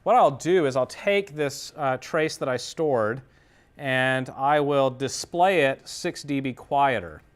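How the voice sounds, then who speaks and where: An audio engineering instructor gives a hands-on demonstration lecture, explaining methodically step by step. He speaks slowly at a medium pitch.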